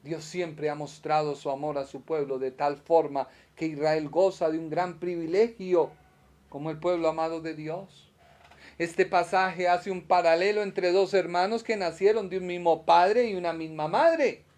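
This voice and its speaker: A man preaching a Bible study sermon, dramatic, swinging between loud emphasis and hushed asides. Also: fairly high pitch, fairly even intonation, normal speed.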